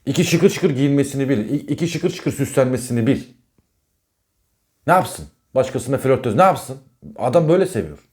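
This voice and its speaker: A man's voice: mid-range voice, animated, moderate pace, darkish tone. A man who works as an astrologer, talking in a casual monologue about zodiac signs. He speaks emphatically, repeats himself and scolds the listener directly.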